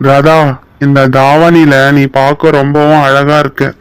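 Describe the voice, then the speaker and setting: A man's voice: fairly high pitch, little pitch movement, a little slow, clean tone, natural voice. A man voicing a playful, teasing young man who is fond of his sweetheart, in a cartoon. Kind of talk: cartoon voice acting.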